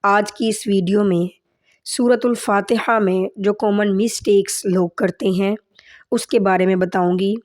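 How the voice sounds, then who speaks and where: A woman teaching a tajweed lesson, patiently correcting mistakes step by step and reciting in a slow, drawn-out chant. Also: mid-range voice, fairly even intonation, a little mellow. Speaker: Quran teacher.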